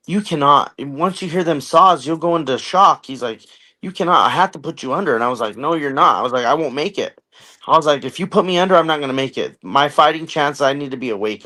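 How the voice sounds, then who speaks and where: A man's voice: mid-range voice, a bit bright. An American man in his thirties, a veteran guest on a podcast, telling a long personal story in a casual, joking way with lots of fillers. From United States. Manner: conversational, jokey, filler-heavy storytelling.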